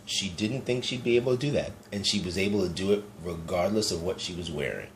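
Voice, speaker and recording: A man reading a picture book aloud to children, gentle and chatty, stopping to point out the pictures. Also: low-pitched, expressive, fast, a little hiss or hum. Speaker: storyteller.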